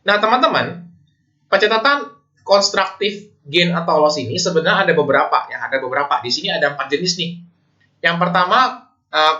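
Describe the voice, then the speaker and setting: The recording is muffled as a male accounting lecturer with an Indonesian accent delivers an informal explanatory lecture. He speaks conversationally, often checking in with listeners, in a voice that is a little high, pushed and bright.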